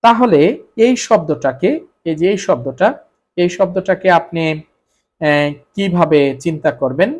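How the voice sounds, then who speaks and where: A man's voice: a little high, unhurried, pauses often, a little mellow. A Bengali-speaking man teaching Korean spelling rules, repeating each point and answering his own questions. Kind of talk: explaining grammar rules to students.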